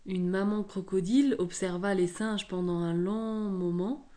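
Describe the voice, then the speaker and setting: Female storyteller, calm, measured read-aloud, mid pitch. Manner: calm, clear, measured reading.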